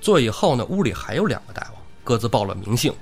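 A male podcast co-host retelling a classic tale in an animated, humorous way. His pitch is mid-range but swings very expressively. Faint background music runs under his voice. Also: quick pace, gravelly. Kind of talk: lively storytelling chat.

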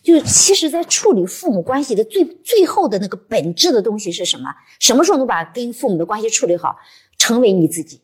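Woman prof at a book talk, raspy voice, slightly high and bouncy. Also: big pitch swings, quick pace. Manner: reflective, explains step by step. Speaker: literature professor, guest speaker. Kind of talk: live book-club talk.

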